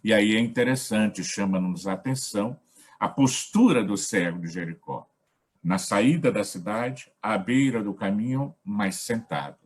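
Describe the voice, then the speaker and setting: A man with a Brazilian accent facilitating a gospel study, talking in a measured, reflective way in short phrases. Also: fairly low pitch, animated, breathy edge. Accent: Brazilian Portuguese. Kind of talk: reflective spiritual talk.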